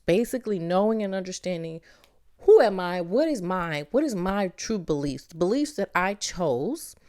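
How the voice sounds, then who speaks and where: A middle-aged woman from Barbados hosts a motivational podcast in a lowish voice, keeping things lively and playful and calling the listener "baby."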